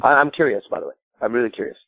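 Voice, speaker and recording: A man's voice: mid-range voice, very fast, creaky, dry recording, lo-fi sound. A man from Iran giving improvised advice as a call-in show host, emphatic and blunt, repeating himself and asking rhetorical questions. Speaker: podcast host and coach.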